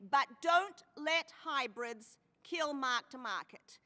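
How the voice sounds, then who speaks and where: Woman testifying in a big echoey hearing room, high bright voice, leans hard on key words. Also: animated. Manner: emphatic, with slowed stress on key phrases. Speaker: hearing witness. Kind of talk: formal testimony. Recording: long reverb of a hearing room.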